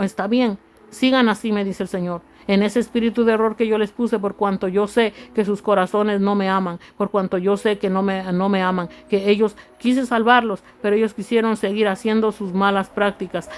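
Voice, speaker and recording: A woman preaching a prophecy in the first person, emphatic and repetitive, dropping lower and softer on each "says the Lord" tag. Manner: emphatic, piles up repeated words and phrases.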